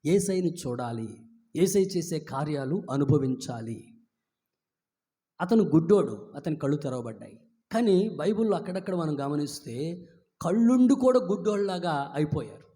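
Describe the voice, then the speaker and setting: A man preaching a sermon as pastor at a live church service, moving between quiet low asides and high, emphatic declarations. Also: animated, normal speed, big-room sound.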